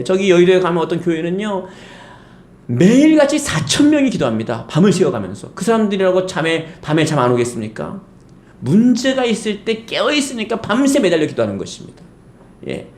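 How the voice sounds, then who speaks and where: A man's voice: sits high, big pitch swings, a little fast, darkish tone. A man preaching a Sunday sermon in a church, emphatic and asking the congregation rhetorical questions. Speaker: pastor. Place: church sanctuary. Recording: echoey church hall.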